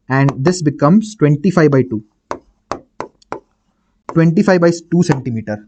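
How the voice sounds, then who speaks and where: A man's voice: on the high side, a little mellow, a little hiss or hum. A man with an Indian accent teaching physics in a live online lecture, working through problems step by step, repeating phrases and often checking that students follow. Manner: repeats phrases, questions and answers himself; informal, checks understanding with tag words.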